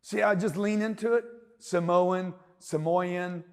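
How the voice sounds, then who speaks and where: High-voiced, emphatic Southern man in echoing hall. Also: steady tone, a little slow, clear, resonant tone. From Louisiana, USA. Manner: loud, emphatic, rambling and jokey. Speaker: business mentor. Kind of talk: live seminar talk. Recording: long hall reverb.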